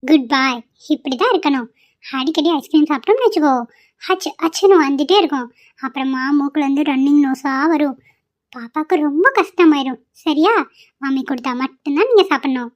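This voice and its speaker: A woman voicing a kind young widowed mother in an amateur cartoon, soft and affectionate. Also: high voice, fairly quick, lightly acted. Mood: tender. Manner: soft, affectionate with the child, tearful about her loss. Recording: lo-fi home recording.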